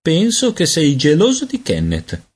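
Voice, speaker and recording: A man reading a storybook aloud and voicing a calm, know-it-all older sister with a superior, lecturing manner. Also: on the high side, measured pace, slightly rough, pitched above the performer's own voice, exaggerated voice.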